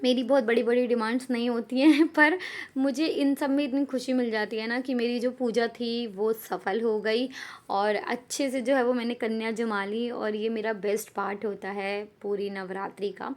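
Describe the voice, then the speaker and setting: A woman in her thirties vlogging in a chatty, casual way, mixing English words into her Hindi. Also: fairly high pitch. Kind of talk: casual chat to camera.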